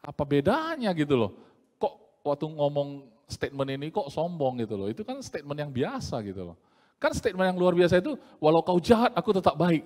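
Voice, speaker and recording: Male preacher, fairly high, animated, playful sermon delivery; reverberant hall sound. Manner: lively, jokey, acts out quoted voices.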